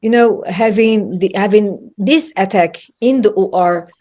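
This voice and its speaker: A woman's voice: medium pitch, a little slow, warm tone. Woman host searching for her words. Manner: searching for words, many restarts. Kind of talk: conversational panel talk.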